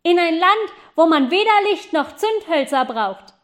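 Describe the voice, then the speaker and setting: A woman voicing a cheeky young boy who shouts his answers down from a flying goose in a storybook reading. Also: very high voice, animated, measured pace, pitched above the performer's own voice, exaggerated voice. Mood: shouting. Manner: shouting loudly.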